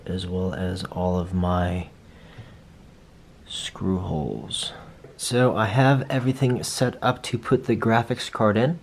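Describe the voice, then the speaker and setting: A man's voice: on the low side, a little mellow, slight background noise. A young man casually walking through his first hands-on build, chatty and self-deprecating as he thinks aloud. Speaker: vlogger building a PC.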